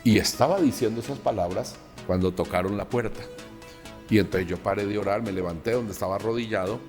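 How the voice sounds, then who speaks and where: A man, a pastor from Colombia, recounting a personal testimony and acting out the dialogue in an animated way. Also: fairly low pitch, fairly quick, long reverb tail, soft background music.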